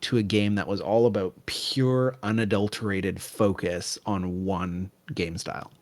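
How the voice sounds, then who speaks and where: A man on a live game review panel, talking in an unhurried, casual way. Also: low-pitched, steady tone.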